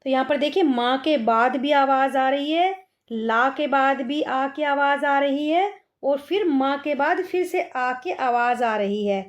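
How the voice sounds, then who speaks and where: A woman teaching an online class to children, patient and direct, drawing out each word slowly as she reads it. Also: high-pitched. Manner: slow, drawn-out word dictation.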